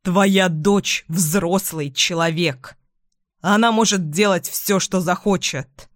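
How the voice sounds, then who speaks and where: A woman's voice: lowish voice, slow, no echo, studio quality. A woman voicing a stern, protective man in an audiobook, speaking firmly. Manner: firm, stern. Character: angry protective man, firm. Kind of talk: audiobook character voice.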